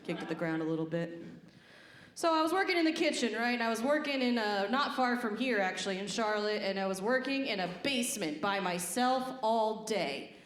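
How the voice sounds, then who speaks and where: A woman in her thirties from the Midwest works a stand-up set on a club stage, telling stories in a deadpan way and slipping into silly voices and snatches of song. Her voice sits a little high, and the live room adds a clear echo around it. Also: brisk, hardly any pauses. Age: 30s. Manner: deadpan storytelling with sung bits and silly voices. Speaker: stand-up comedian. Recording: roomy live club sound.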